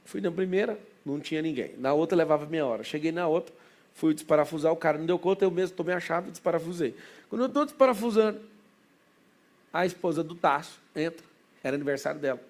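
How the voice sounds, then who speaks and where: Fast, gravelly Brazilian man telling stories. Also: a little high. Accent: Brazilian Portuguese. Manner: excitable, rapid anecdotal delivery with many asides. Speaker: business mentor. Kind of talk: motivational storytelling to a group.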